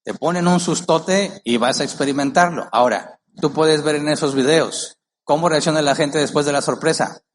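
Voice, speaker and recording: Higher-voiced man preaching emphatically. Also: normal speed, slight background noise. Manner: emphatic, rhetorical questions to the congregation. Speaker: pastor. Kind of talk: sermon. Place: church.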